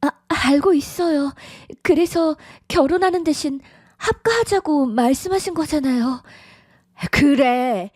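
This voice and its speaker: A stubborn, contemptuous mother-in-law who sighs and scolds her way through every line, voiced by a synthetic woman. The voice sits fairly high and sounds close and dry, with no room around it. It has the polished evenness of a studio audio drama. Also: animated, measured pace, no room sound. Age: middle-aged. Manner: nagging, sighing, sharp scolding.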